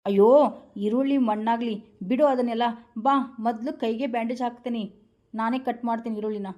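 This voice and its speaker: A woman's voice: fairly high pitch, fairly even intonation, a little fast, warm tone, muffled recording, close to an everyday voice. A woman playing a fussy mother-in-law. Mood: fussing. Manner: fussing, exclaiming in dismay. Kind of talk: comedy skit acting.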